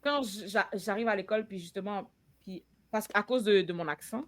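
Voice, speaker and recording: A woman's voice: mid-range voice, moderate pace, a bit bright. A young woman with a Québécois French accent hosting a podcast, chatting casually and acting out dialogue with playful asides. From Quebec. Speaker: podcast host. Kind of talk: casual chat.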